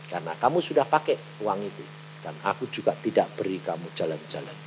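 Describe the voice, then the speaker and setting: A man voicing God in a sermon story, speaking in a firm, low, measured tone of warning. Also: sing-song, a little hiss or hum, low-quality recording. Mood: stern. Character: God speaking sternly to a believer, male.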